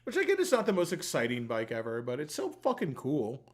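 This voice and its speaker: A man's voice: medium pitch, wildly swooping pitch, fairly quick. A man hosting a giveaway livestream, chatting in a loose, rambling, informal way with plenty of swearing. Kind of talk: casual rambling livestream chat.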